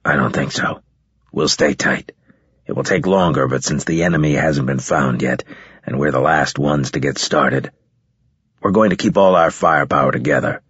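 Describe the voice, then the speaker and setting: A man voicing a stern male military officer who gives clipped, curt orders, with a husky voice. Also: rumbling low, normal speed, fairly bright tone, no room sound, dull audio, pitched below the performer's own voice, full character voice.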